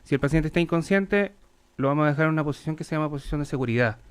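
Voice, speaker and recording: A man's voice: on the high side, very fast, clear, resonant tone. A man, a paramedic explaining first aid on radio, practical, checking in often with the listener. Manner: practical, repeats "¿ya?" to check understanding. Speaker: paramedic guest.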